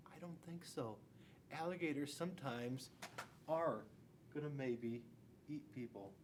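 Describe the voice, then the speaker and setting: In a school classroom, a man in his forties, working as a school resource officer, reads a storybook to young children and tosses in playful, chatty asides. His voice sits fairly high with a darkish tone. A camera a few feet away picks him up from a distance, with faint room noise.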